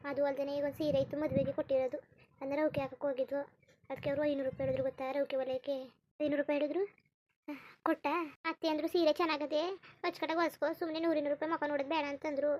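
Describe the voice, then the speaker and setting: Woman doing a chatty older sister in a village cartoon, high quick voice that stays flat. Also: slight background noise, lightly acted. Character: caring married elder sister, chatty and warm-hearted. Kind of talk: cartoon voice acting.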